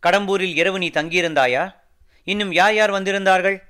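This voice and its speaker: A proud, stern commander of a fortress, as a male storyteller puts him on, barking his questions loud and quick. His voice sits higher than the narration, bright and ringing, with a suspicious, commanding edge. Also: smooth. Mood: eager, commanding.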